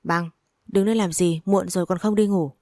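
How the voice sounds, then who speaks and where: A woman's voice: on the low side, fairly even intonation, moderate pace, dark tone, no echo, studio quality, close to an everyday voice. A woman reading the lines of an impatient, curt young husband. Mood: irritable.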